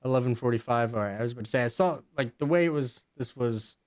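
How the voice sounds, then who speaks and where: A man's voice: mid-range voice, fast, a little mellow. A man streaming live, casually reacting and thinking aloud about what he watches.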